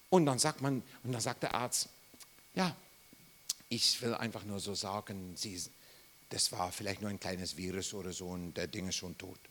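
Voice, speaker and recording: Slow, animated preacher. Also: male voice, fairly low pitch, slight background noise. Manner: animated, acts out quotes, bursts of loud exclamations; slow and drawn out. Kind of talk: sermon.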